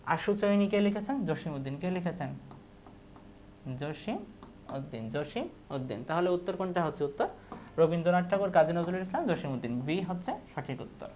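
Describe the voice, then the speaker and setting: A man's voice: on the high side, expressive, a little fast, darkish tone, a little hiss or hum. A man, a teacher giving an exam review lesson, who reads each question aloud and repeats the answer. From Bangladesh.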